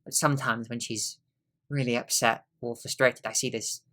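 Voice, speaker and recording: Brooding middle-aged husband played by a young man; bright tone, wry, drifts into quiet asides. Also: mid-range voice, fairly even intonation, normal speed, close to an everyday voice. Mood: weary. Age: young adult. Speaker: student actor. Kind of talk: stage monologue.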